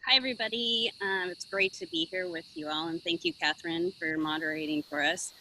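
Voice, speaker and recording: A woman's voice: medium pitch, very animated, fairly quick, vocal fry, sharp tone, a little hiss or hum, rough recording. A woman from the United States, a winemaker on a virtual panel, talking in a friendly, conversational way.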